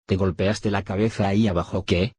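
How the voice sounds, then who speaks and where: A man's voice: sits low, fairly even intonation, brisk, darkish tone, husky, no room sound. A synthetic male text-to-speech voice playing a blunt, foul-mouthed soldier comrade in a zombie story. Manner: blunt and incredulous.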